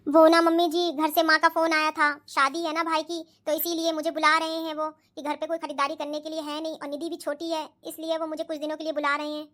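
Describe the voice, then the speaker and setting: A woman voicing a polite, dutiful young daughter-in-law in a cartoon, pleading and soft-spoken. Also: high-pitched, level tone, fairly quick, hardly any pauses. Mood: worried. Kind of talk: cartoon voice acting.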